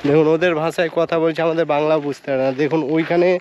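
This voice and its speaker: A man's voice: on the high side, fairly even intonation, very fast, a little mellow, highs cut off, a little hiss or hum. A man, vlogging and talking to viewers at a rural quarry lake. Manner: chatty, addresses viewers directly. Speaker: travel vlogger. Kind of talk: casual outdoor vlog narration.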